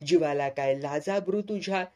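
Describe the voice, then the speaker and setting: A man's voice: fairly high pitch, normal speed, a little mellow, close to an everyday voice. A man doing a blunt older village uncle. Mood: scolding, teasing. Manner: scolding, earthy village speech.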